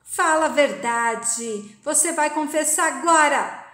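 A woman's voice: high-pitched, slow, roomy sound, voice pushed up, full character voice. A woman voicing a stern young man who insistently demands a confession. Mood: stern insistence. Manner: insistent, forceful.

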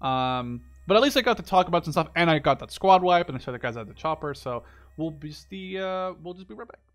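A man with a voice on the high side, lively intonation, and a quick pace hosts a gaming video. While playing, he thinks aloud in casual, rambling, self-critical first-person commentary, speaking over loud game gunfire and artillery.

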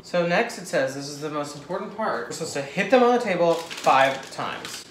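A man in his twenties chatting casually and excitably to camera as he bakes, giggly and gushing. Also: a little high, moderate pace, loud music behind the voice. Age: 20s. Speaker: host of a home baking vlog. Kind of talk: casual chat to camera while baking. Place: home kitchen. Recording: echoey kitchen, clicks and background noise.

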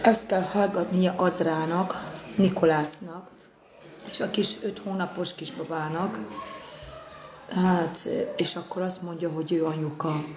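A woman's voice: fairly low pitch, steady tone, roomy sound, crowd noise. A woman in a casual live-stream rant, indignant and repeating her phrases.

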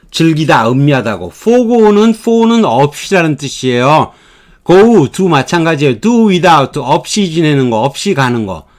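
A middle-aged man teaching English vocabulary, repeating words aloud and mixing English terms into his explanations. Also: a little high. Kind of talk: vocabulary lecture.

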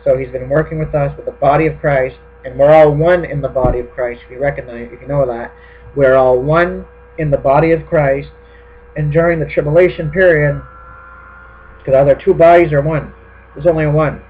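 A man's voice: a little high, steady tone, moderate pace, slightly rough. A man preaching a sermon in an explanatory way, often checking in with his listeners. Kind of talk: sermon teaching on prophecy. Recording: tinny phone-like line with mains hum.

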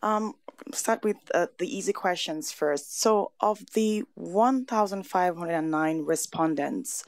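A woman with a low voice questions presenters at a council meeting, often pausing and rephrasing. Her voice comes through a desk microphone, and the sound is dry. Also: no room sound. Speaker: city councillor. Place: council chamber.

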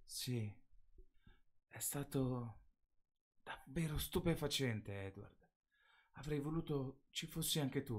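A man's voice: medium pitch, takes it slowly, pauses often, breathy edge, voice pushed up. A man voicing an anxious teenage girl. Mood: earnest.

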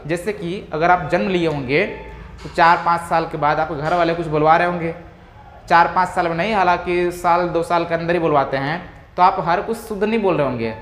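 A man teaching a spoken English lesson to students. He slowly drills model sentences and repeats each one for practice, and he encourages the learners directly. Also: a little high. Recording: echoey room with faint ambient noise.

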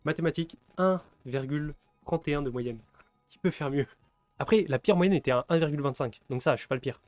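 A man's voice: on the high side, fairly quick, a little mellow, dry recording, soft background music. A man in his twenties from France, rambling through casual live-stream commentary, laughing often and answering chat. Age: 20s.

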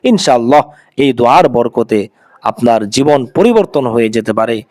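A man's voice: medium pitch, animated, normal speed, darkish tone, no room sound. A man presenting an Islamic devotional video, speaking to viewers in an earnest, reassuring, preacher-like way.

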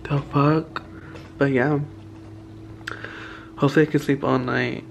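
A man's voice: medium pitch, little pitch movement, a little slow, creaky. A young man talking casually and playfully to a vlog camera, full of slang and campy asides. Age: young adult. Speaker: vlogger. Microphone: camera at arm's length or on counter. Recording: faint room and car noise.

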